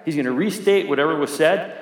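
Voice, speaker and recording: A man's voice: on the high side, fairly quick. Conversational male pastor in an echoey hall. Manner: conversational, asks the congregation questions. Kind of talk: sermon. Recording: echoey hall with long reverb.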